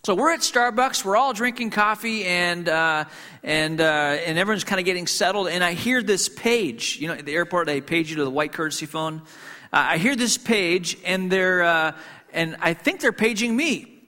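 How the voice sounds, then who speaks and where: A man from Hong Kong tells a story as a pastor in a sermon, his voice bright and forceful with a slightly high pitch. He talks conversationally, with frequent fillers and restarts. The sound carries a long reverb from a church hall. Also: normal speed.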